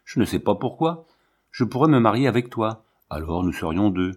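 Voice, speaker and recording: A sharp, defiant young lion tamer from a storybook, speaking curtly and firmly in a low register, as a male reader puts her on. The tone stays plain and unadorned. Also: big pitch swings, normal speed, husky. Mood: worried, pleading.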